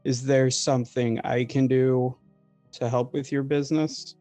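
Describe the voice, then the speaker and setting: A man playing a reserved, formal vampire in a tabletop game, speaking in measured, terse, guarded lines. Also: mid-range voice, flat delivery, mellow, no room sound, faint music behind, lightly acted. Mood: cool, probing.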